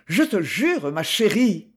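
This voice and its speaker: Woman doing a rich young man, bantering, pleading, slow storybook voice. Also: medium pitch, sing-song, slightly rough, exaggerated voice. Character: rich young man, jaunty then unsure.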